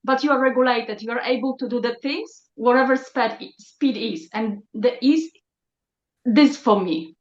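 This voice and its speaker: In a group call, a woman whose first language isn't English shares her reflections, her slightly high voice halting as she searches for words. She sounds thoughtful, and the lo-fi line has an echo.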